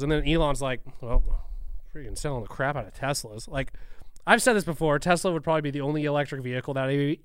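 A man's voice: on the high side, a bit bright, clear, resonant tone, no room sound. A man co-hosting a casual talk show, giving opinions in an informal, slangy way.

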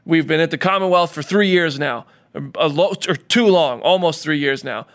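A man with a fairly bright voice on the high side co-hosts a casual chat show at a normal speed. He talks animatedly, raving and ranting, and gets worked up and indignant.

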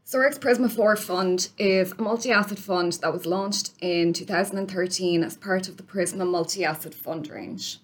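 A woman's voice: lowish voice, normal speed, hardly any pauses. A woman podcast host presenting from a script and putting prepared questions to a guest.

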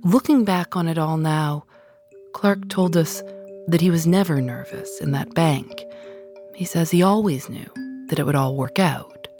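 Raspy, low-voiced American woman hosting. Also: a little slow, a little mellow, soft background music. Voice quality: raspy, hoarse voice. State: getting over hoarseness. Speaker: podcast host. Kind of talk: scripted narration and credits.

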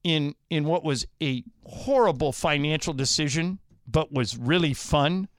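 A man co-hosting a sports talk radio show, telling stories with animated delivery in a studio. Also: on the high side, measured pace, dry recording. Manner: animated storyteller, acts out quotes. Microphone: studio microphone.

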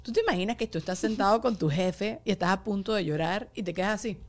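A woman hosting a relaxed podcast conversation. She tells her stories in an expressive way and laughs easily, and her voice is a medium pitch. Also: fast, faint music behind. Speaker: podcast host. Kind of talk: casual chat.

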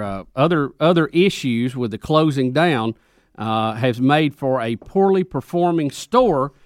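Man, medium pitch, very dry sound. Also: no room sound. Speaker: radio co-host. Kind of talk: casual radio talk.

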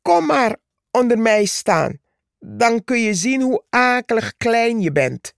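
A woman voicing a haughty, boastful male plant who sneers and taunts, read slowly with a gravelly edge. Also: medium pitch, animated, dry recording, studio quality, pitched above the performer's own voice. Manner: scornful, shouting taunts.

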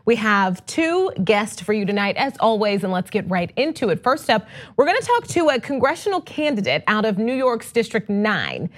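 A woman's voice: mid-range voice, very animated, moderate pace. Upbeat woman hosting a political interview. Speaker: fill-in show host.

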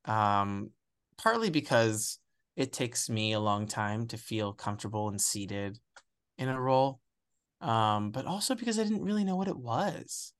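A young man from the United States, an actor giving a candid, reflective interview, often pausing and restarting as he searches for words. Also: lowish voice, expressive, clear, resonant tone.

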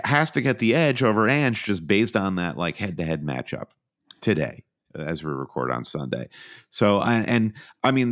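This man's voice sits low with a fairly bright tone. Co-hosting a casual football podcast, he offers earnest, opinionated analysis in long run-on sentences.

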